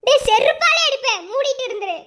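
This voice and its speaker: A woman with a Madurai Tamil accent voicing young village women in an animated family cartoon, scolding in quick slang. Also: very high voice, heavy background noise. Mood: bickering.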